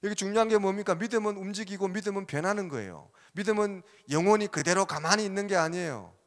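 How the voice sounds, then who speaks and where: A man's voice: high voice, expressive, quick pace. A male pastor preaching a Sunday sermon with rising, exclaiming emphasis. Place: church sanctuary. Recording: church hall reverb.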